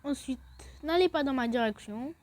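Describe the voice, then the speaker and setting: Speaking at a normal speed, a woman with a high-pitched, darkish voice gives a chatty, casual game walkthrough for her gaming videos. She goes step by step, often saying "then" before the next one.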